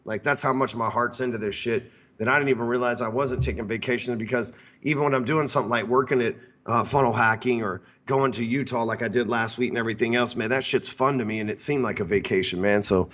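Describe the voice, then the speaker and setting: A man's voice: medium pitch, fast, few pauses, fairly bright tone. A man hosting a sales podcast, talking in a brash, rambling, profane way. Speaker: podcast host. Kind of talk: casual profane podcast talk.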